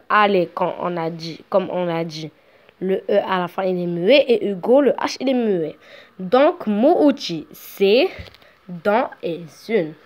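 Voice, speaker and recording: Very slow-speaking woman teaching French. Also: medium pitch. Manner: slow, syllable by syllable. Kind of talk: slow beginner reading lesson.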